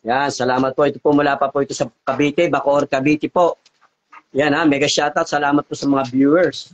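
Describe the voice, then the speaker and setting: A man's voice: fairly high pitch, flat delivery, a little fast. A man leading a live healing session, coaxing and repeating short questions. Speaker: faith healer. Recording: dull lo-fi audio.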